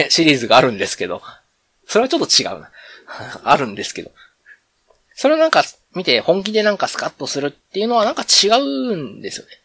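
A man's voice: on the high side, huge pitch swings, fast, a bit bright, breathy edge. A man with a Kansai accent hosting a solo podcast, chatting in a rambling, conversational way and often correcting himself. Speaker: podcast host. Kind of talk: casual solo radio chat.

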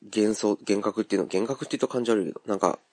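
With a Kansai accent, a male podcast host thinks aloud in a rambling, casual monologue packed with fillers. His voice is fairly low and warm, he talks very fast, and there's no echo.

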